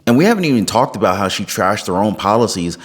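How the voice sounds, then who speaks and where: A man with a fairly low voice hosts an opinionated political video. He talks conversationally and addresses his viewers directly, in a casual commentary style. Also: sing-song, fast talker.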